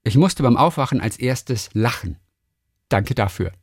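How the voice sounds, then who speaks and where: A man's voice: medium pitch, a little slow, breathy edge, no echo, studio quality. A man hosting a podcast and reading listener messages aloud in a casual chat, telling stories with lots of restarts. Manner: lively, animated storytelling with many restarts. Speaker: podcast host.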